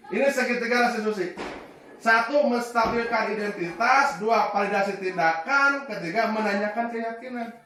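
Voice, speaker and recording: A male teacher walks through lesson points in a relaxed, explaining manner. Now and then he acts out a teacher or a pupil, sometimes with a sudden shout. His fairly high voice is picked up from a distance in a very echoey room. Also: noisy background. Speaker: teacher presenting a training module. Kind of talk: classroom presentation. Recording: very echoey room, mic far off.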